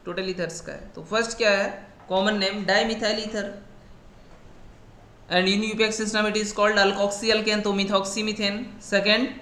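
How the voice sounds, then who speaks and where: High, bright Indian man teaching slowly. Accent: Indian English. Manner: explains slowly, switching between Hindi and English, often checks with "right?". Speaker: chemistry teacher. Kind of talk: recorded class lecture. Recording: echoey room, faint background noise.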